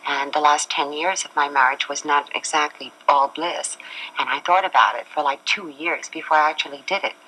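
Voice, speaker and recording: Speaking candidly as a guest on a vintage TV talk show set, this Chilean woman in her forties goes on earnestly about her personal life. She has a deep voice, a pushed and bright delivery at a moderate pace, and the rough recording carries a little hiss or hum.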